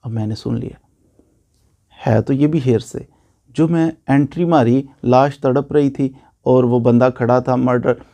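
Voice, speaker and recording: His voice is medium in pitch, creaky and dark, with fairly even intonation and a measured pace. The speaker is a man with a Pakistani accent teaching law informally, restating points and answering questions he raises himself.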